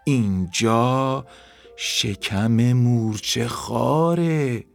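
A man voicing a newly arrived chatty young ant in a children's storybook reading, raising his voice high and lively. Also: creaky, faint music behind, close to an everyday voice. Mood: explaining.

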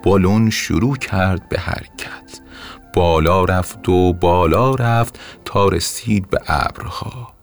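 A man narrating a bedtime story in a gentle, expressive way. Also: low voice, gravelly. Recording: soft music under narration.

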